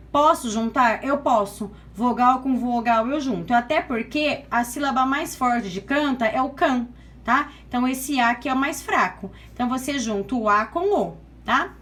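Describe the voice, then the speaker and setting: Woman teacher, Brazilian accent, slightly high voice, patient, step-by-step, counting aloud. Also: fairly bright tone. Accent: Brazilian Portuguese. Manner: patient, step-by-step, frequent "tá?" checks. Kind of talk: online class lecture.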